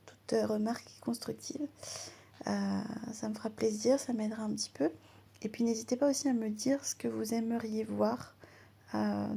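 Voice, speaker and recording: A woman hosting her own crafting channel, chatting casually in a voice-over as she works, often slipping into a soft half-whisper. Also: a little high, gravelly, slightly rough.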